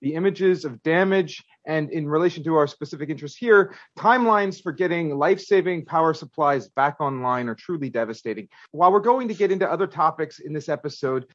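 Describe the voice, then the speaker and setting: A man's voice: on the high side, expressive, fairly quick, few pauses, fairly bright tone, no echo, dull audio. A man hosting a podcast, moving between prepared remarks and conversation. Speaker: podcast host. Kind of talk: podcast hosting, scripted opening and chat.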